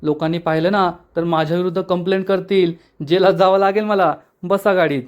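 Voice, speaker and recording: A man's voice: high-pitched, fairly even intonation, fairly quick, dull audio, natural voice. A cheeky young husband who teases and wisecracks in a slightly raised voice, as a recap narrator plays him. He comes across as a playful figure from a TV serial. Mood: coaxing. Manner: teasing, wisecracking.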